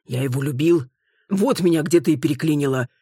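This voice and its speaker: A woman voicing a husband who makes soft, pleading excuses to calm his angry wife. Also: low-pitched, fairly quick, breathy edge, dry recording, clean studio sound. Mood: placating. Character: evasive husband, man, placating.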